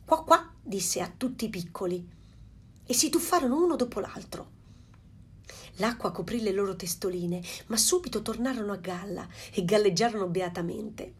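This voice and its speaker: A woman narrating a fairy tale aloud in a calm storytelling manner. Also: medium pitch, moderate pace, slightly rough.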